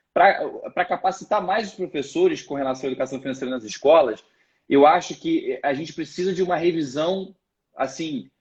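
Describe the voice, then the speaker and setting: Through muffled video call audio, a guest from a financial education project shares his views in a live online interview. His voice sits on the high side and is a little mellow, and he speaks hesitantly, often starting over.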